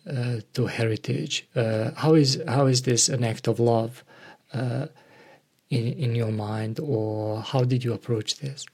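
A man hosting an interview, asking questions hesitantly with many pauses and restarts. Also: medium pitch, a little mellow, husky. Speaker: podcast host. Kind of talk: conversational interview.

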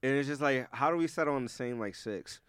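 A man hosting a podcast, talking casually in an animated, rambling way with swearing. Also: mid-range voice, fast talker, smooth, no echo, studio quality. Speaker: podcast host.

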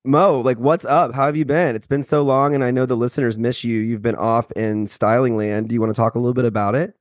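Male co-host, average pitch, casual slangy enthusiastic talk, very dry close sound. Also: steady tone, quick pace, no echo. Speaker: podcast co-host. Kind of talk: casual chat.

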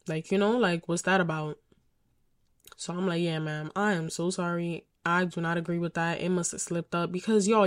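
Young woman podcaster spilling a personal story, kinda low voice, real candid and emphatic. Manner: candid, emphatic, frequent swearing. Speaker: podcast host.

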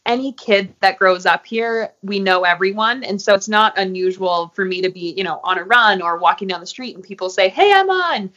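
A woman, a guest in an interview, talking casually and filling pauses with "um" and "you know.". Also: mid-range voice, steady tone, pushed and bright. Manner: friendly, many fillers like um and you know. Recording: muffled, lo-fi audio.

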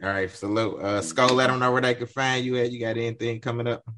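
A man's voice: mid-range voice, fairly even intonation, fast, bright, forceful tone. A man hosting a podcast in casual slang, often addressing people as man or bro. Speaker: podcast host.

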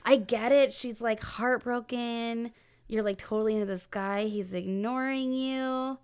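A woman's voice: a little high, steady tone, a little slow, darkish tone, clear, resonant tone. A woman co-hosting a true-crime podcast, narrating with jokey asides and laughter. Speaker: podcast co-host.

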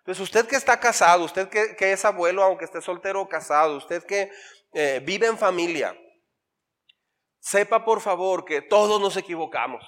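A man's voice: high-pitched, normal speed, a bit bright, in a large hall. A man, a pastor giving a conversational sermon full of acted-out quotes and humor.

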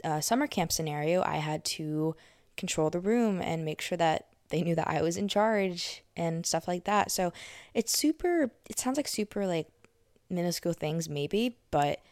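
A young woman in her late teens or twenties with a low voice and a gravelly, fry-laden edge. She hosts a podcast in a loose, chatty monologue, correcting herself as she goes. The sound is dry and close. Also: normal speed, darkish tone, no echo. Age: young adult. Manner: chatty, filler-heavy, self-correcting. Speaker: podcast host. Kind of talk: casual monologue.

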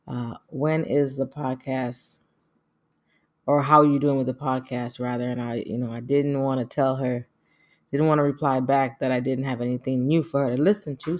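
A woman's voice: a bass voice, warm tone. A middle-aged woman speaking casually and earnestly as she hosts a personal podcast, with a reflective, devout manner. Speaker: podcast host.

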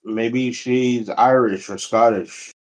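A man's voice: medium pitch, steady tone, takes it slowly, darkish tone. A man co-hosting a casual podcast, skeptically questioning the others' claims. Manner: skeptical, pokes holes in claims. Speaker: podcast co-host. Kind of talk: casual chat.

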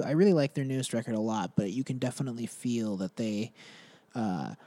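Young male podcast host, casual rambling music chat, mellow tone, dry booth sound. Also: medium pitch, dry recording. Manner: rambling, filler-heavy, laughs at himself.

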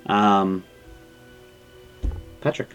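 A man narrating scenes as game master of a tabletop horror game, relaxed and chuckling. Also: drawn-out words, soft background music. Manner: relaxed, chuckling, describes scenes in a low soft voice.

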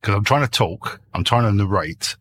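Man, podcast guest, husky, low, jokey storyteller. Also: normal speed. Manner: jokey, animated storyteller who laughs often. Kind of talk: casual chat. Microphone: desk mic with noise cancelling.

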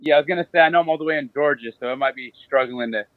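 A young man chatting as a guest over a video call from home, easygoing and quick to laugh, his audio glitchy and breaking up. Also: a little high, dry recording, narrow, tinny audio. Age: young adult. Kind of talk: casual video call chat.

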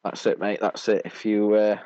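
A man's voice: on the low side, flat delivery, normal speed, warm tone, clear, resonant tone, dry recording. A British man hosting a sports podcast, chatting casually and explaining things in a matey, rambling way. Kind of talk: casual sports review chat. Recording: dull lo-fi audio.

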